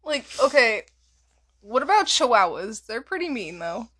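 A woman's voice: on the high side, very animated, moderate pace, fairly bright tone, slightly rough. A young woman asking her boyfriend questions in casual chat, giggling often and teasing him.

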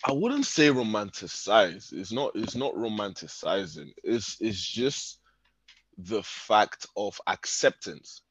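A man in his twenties, from Spain, talking about himself as a podcast guest in a relaxed way, with lots of fillers and frequent laughs. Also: lowish voice, takes it slowly, slightly rough. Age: 20s. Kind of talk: casual conversation. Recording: dull lo-fi dry sound.

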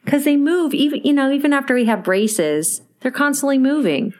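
A woman's voice: sits high, darkish tone. A woman co-hosting a podcast, telling stories in a chatty, easy way and laughing readily. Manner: chatty storyteller, quick to laugh. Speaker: podcast co-host. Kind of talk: casual chat.

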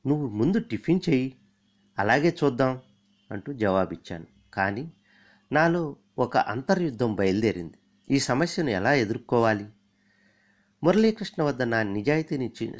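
A middle-aged man reads a first-person story aloud. His voice sits at a medium pitch, and he keeps a measured, even pace from line to line. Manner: measured, steady reading.

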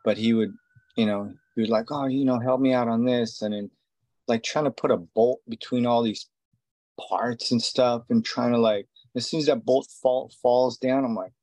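In an interview, a tattoo artist from Israel, a man in his forties, talks casually and rambles, full of fillers and restarts. His voice is medium-pitched and darkish with fairly even intonation, delivered at normal speed with no room sound.

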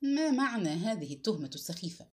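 A woman voicing a calm, dignified male notable who speaks with steady, quiet indignation. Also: medium pitch, fast talker, close to an everyday voice. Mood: calm indignant.

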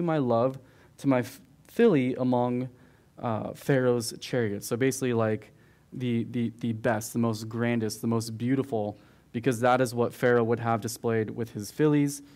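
A man, a pastor, reading scripture and explaining it in a relaxed, conversational way, often asking "right?". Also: mid-range voice. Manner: conversational, with fillers and frequent "right?". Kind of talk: verse-by-verse Bible teaching.

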